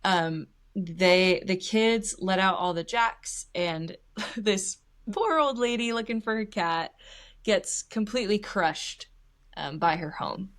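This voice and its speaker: A woman talking casually as co-host of a film review podcast. Her voice sits at an ordinary middle pitch, and she often breaks into laughter and quick acted-out lines from the movie. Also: fairly bright tone.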